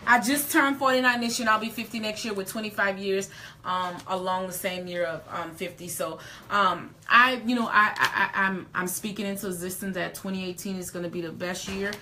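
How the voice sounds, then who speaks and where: Emphatic, bright-voiced woman in her forties. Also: mid-range voice, fairly even intonation, brisk, a little hiss or hum. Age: 40s. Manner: repetitive, emphatic, folksy. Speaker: host. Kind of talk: casual live chat.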